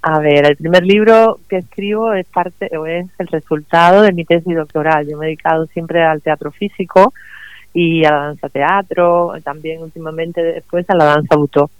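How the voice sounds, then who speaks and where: A middle-aged woman from Cuba, a guest writer speaking warmly and laughing often in a remote radio interview. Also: deep voice, steady tone, moderate pace, smooth, no room sound, poor audio. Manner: warm, enthusiastic, laughs often.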